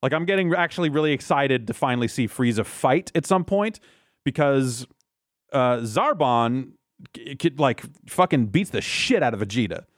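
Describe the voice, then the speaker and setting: A male podcast co-host talking through episodes in a loose, rambling way. His pitch swings around a lot as he trips over restarts and drops casual swearing. The recording is dry, with no room echo. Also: lively intonation, moderate pace. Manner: rambling, profane, many restarts. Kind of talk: casual chat recapping a cartoon.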